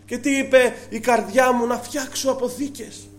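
A man's voice: very high-pitched, fairly even intonation, faint music behind. A man preaching a sermon to his congregation, asking rhetorical questions and quoting scripture earnestly.

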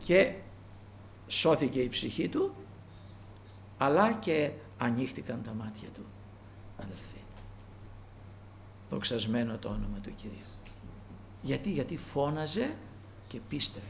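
Fervent gravelly-voiced male preacher. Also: very animated, long pauses, a little hiss or hum. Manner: fervent preaching that rises to loud calls and drops low. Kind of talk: sermon.

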